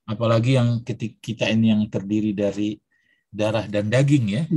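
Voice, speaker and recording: A man's voice: on the low side, steady tone, normal speed, dark tone, no echo. A man telling a story while teaching an Arabic class, acting out the dialogue.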